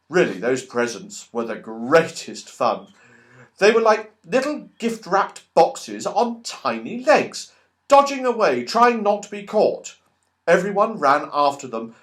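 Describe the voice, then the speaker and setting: A man with a slightly high voice reads a children's story as an audiobook narrator, expressive and playful, exclaiming over what happens.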